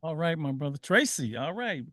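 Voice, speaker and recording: A man hosts a call-in radio show with energy, repeating himself and laughing easily. His voice sits high and sounds bright and ringing. The studio sound is close and dry. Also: sing-song, moderate pace, no room sound. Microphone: studio microphone.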